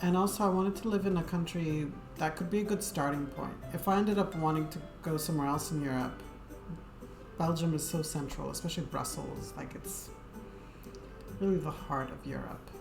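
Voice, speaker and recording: With a deep voice and some vocal fry, a woman streamer talks to viewers at a moderate pace. The chat is casual and wandering, hesitant and heavy on fillers, set against game music in an echoey room.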